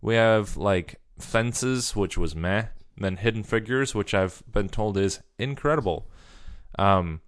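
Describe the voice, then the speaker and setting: A man's voice: on the low side, slow pace. Young man with dry sarcastic quips. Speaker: podcast co-host. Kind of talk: casual news chat.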